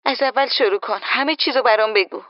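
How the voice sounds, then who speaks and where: A woman's voice: on the high side, no room sound, highs cut off, pitched above the performer's own voice, close to an everyday voice. A woman voicing a nosy, worried young friend in an audiobook, asking insistent anxious questions. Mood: curious. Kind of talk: audiobook character voice.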